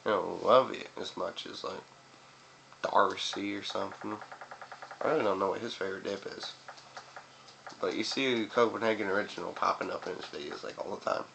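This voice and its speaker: A man's voice: sits low, fairly even intonation, normal speed, creaky, pauses often, pushed and bright. A young man chatting casually to camera, rambling and swearing, with chewing tobacco in his mouth. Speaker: video reviewer. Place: small room indoors by a window. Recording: noisy webcam-style room recording.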